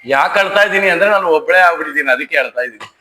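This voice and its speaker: A man's voice: a little high, animated, rapid-fire, bright, forceful tone, pitched below the performer's own voice, poor audio. A man voicing a quarrelsome female goddess of misfortune, bluntly listing her demands in a storytelling sermon. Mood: complaining.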